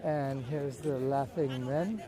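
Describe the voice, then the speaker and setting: A man giving casual, unhurried walking commentary as a live vlogger, speaking in short observational phrases outdoors. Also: medium pitch. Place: outdoors at a busy beach and streets. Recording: outdoor crowd and street bustle. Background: crowd.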